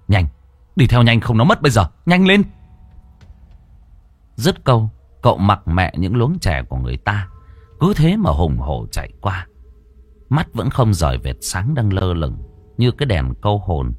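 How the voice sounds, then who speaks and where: A man's voice: deep voice, slightly rough. A man narrating a ghost story dramatically, acting out the characters' lines.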